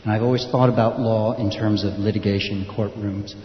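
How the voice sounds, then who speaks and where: A man from the United States speaks at a panel event in a lowish voice. He moves quickly through his story and corrects himself along the way. The recording is dull and roomy, with a long hall echo and faint hiss. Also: fairly even intonation. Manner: quick, loosely structured, self-correcting.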